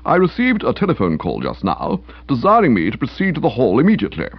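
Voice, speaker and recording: A man's voice: a little high, huge pitch swings, moderate pace, dry recording, pitched above the performer's own voice. Man doing a stiff, officious young constable. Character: stiff, pompous young male village policeman. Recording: dull dry lo-fi recording.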